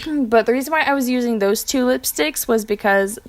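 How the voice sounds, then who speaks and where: A woman's voice: a little high, normal speed. Chatty young woman narrating a makeup tutorial. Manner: chatty and informal, with filler words and self-corrections. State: has the hiccups. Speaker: beauty vlogger.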